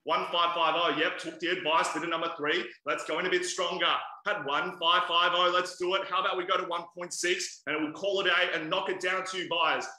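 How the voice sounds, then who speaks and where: A bright, sharp-toned man in his thirties runs a property auction over a webcam, coaxing and pushing bidders along. His voice sits fairly high, and the room around him rings with echo. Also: flat delivery, a little fast, hardly any pauses. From Australia. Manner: persuasive, coaxing buyers with repeated bid calls. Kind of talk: live property auction calling. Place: indoors by a large glass window. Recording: echoey room sound.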